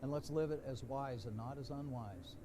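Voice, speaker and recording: A man's voice: medium pitch, moderate pace, background noise. A man preaching a sermon in a church, folksy and conversational, building to emphatic questions. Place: church sanctuary.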